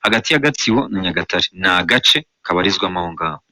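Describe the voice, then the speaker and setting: A man's voice: sits low, expressive, rapid-fire, pushed and bright, no echo. A man co-hosting a radio show, teasing his partner and chatting playfully. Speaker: radio co-host. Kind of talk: casual on-air banter.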